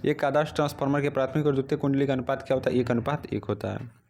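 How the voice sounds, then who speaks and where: Speaking rapid-fire in a medium pitch, a man runs an exam practice session, reading questions then supplying answers in a steady drill. The phone recording carries a little hiss or hum.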